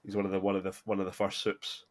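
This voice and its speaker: Fast-talking rambling podcast host. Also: male voice, deep voice, monotone. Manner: rambling, heavy filler words, self-correcting. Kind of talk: casual chat.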